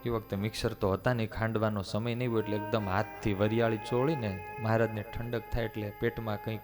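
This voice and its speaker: A man preaching a devotional sermon, narrating expressively and dropping low for tender moments. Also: little pitch movement, quick pace, music in the background.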